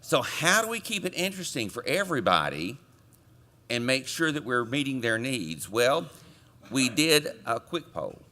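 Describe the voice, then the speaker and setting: A man chairing a committee, delivering a conference report from a podium microphone with relaxed joking asides to the audience. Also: mid-range voice, normal speed, slight background noise. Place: conference meeting room.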